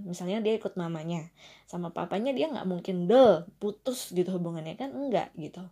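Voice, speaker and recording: A young woman calmly sharing a personal story in a casual monologue, with many fillers and asides. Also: mid-range voice. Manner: reflective, frequent fillers and asides.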